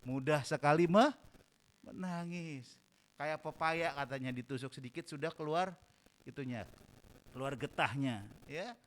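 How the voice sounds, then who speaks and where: A man preaching a sermon as pastor, animated, moving between loud emphasis and soft asides, in a church hall. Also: fairly high pitch, unhurried.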